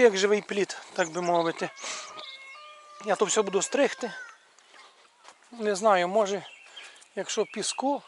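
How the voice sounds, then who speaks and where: A man with a fairly high voice ambles around his rural yard and garden, talking casually to the viewers. He keeps pointing things out as he walks. Faint birdsong and outdoor sounds carry softly behind him. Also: a little hiss or hum. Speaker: video blogger showing his village yard. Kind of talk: casual walk-and-talk video commentary.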